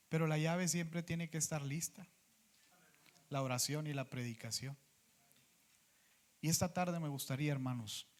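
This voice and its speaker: A man preaching a sermon as pastor, earnest, often acting out what people said to him. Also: fairly high pitch. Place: church sanctuary.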